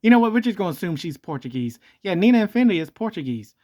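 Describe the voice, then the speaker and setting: Speaking in a racing, sing-song voice with a darkish tone, this host jokes and rambles through comedic commentary, catching and correcting their own slips. A voice changer morphs the sound, sending the pitch jumping around.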